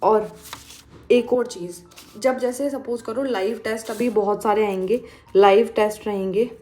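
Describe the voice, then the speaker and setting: A woman's voice: fairly high pitch, fairly even intonation, unhurried, dark tone, faint music behind. Chatty young woman giving study advice. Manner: chatty, mixing English phrases into Hindi. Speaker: exam-prep vlogger. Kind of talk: casual study advice to viewers.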